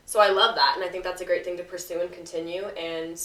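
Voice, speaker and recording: A woman's voice: lowish voice, level tone, fast, fairly bright tone. A woman hosting a podcast, talking enthusiastically in a casual interview chat and laughing often. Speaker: podcast host. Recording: roomy, slightly distant mic.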